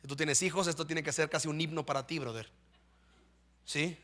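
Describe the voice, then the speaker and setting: A man's voice: on the high side, fairly even intonation, a little fast, a bit bright. A man preaching a sermon in church, often checking in with his listeners. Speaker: pastor.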